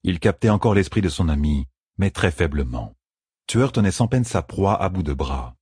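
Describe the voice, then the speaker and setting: A man with a very deep, husky voice reads a fantasy novel aloud. His delivery is steady and measured. The sound is dry and close, with no room around it. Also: no room sound. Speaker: audiobook narrator. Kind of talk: scripted fantasy narration.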